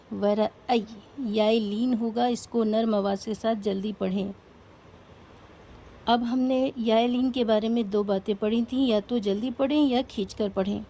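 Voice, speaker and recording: A woman's voice: fairly high pitch, warm tone, slight background noise. A woman teaching a recitation class, explaining each rule patiently step by step and asking her students questions.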